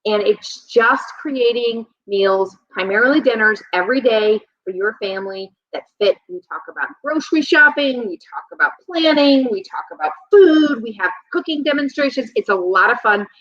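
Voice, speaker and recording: A woman in her thirties, a health and nutrition coach talking as a guest in a relaxed interview, reflective and rambling with frequent ums. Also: on the high side, normal speed, hardly any pauses. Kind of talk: casual conversational interview. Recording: slightly dull, lo-fi sound.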